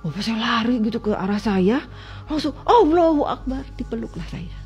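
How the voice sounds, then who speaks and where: A woman from West Java appears as a guest, recounting her own experience with emotional, story-like delivery. Her voice moves between loud cries and quiet, lowered stretches, while quick, faint music plays in the background.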